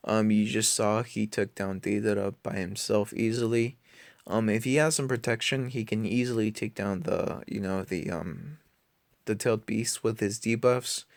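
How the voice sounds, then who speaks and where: A man's voice: fairly low pitch, fairly even intonation, normal speed, creaky, no echo. A tired man giving rambling, informal game commentary late at night, in a slangy, offhand way. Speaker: mobile game video creator.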